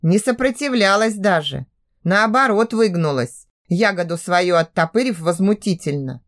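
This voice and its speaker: A woman narrating a first-person audiobook in an expressive, sultry reading style. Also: on the low side, moderate pace.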